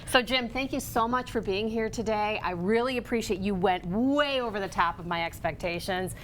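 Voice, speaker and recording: A woman with a mid-range voice, speaking at normal speed, presents as a lifestyle show host pitching products to viewers. Her sales patter is conversational and full of check-in tags. There's slight background noise.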